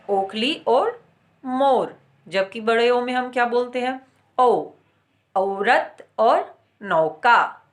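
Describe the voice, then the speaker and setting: A woman teacher talks through a grammar lesson at an unhurried, deliberate pace. Her voice sits somewhat high for a woman. She says each example word twice and fills her pauses with hesitant sounds. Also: fairly bright tone. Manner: frequent hesitant filler sounds. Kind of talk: recorded grammar lesson for students.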